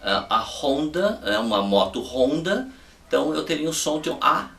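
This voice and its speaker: A man's voice: on the high side, sing-song, moderate pace, creaky, fairly bright tone, recorded from a distance. Man, English teacher, casual lesson tone, repeats and checks understanding, echoey room sound. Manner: patient, repeats examples, frequent "ok?" and "tá?" checks.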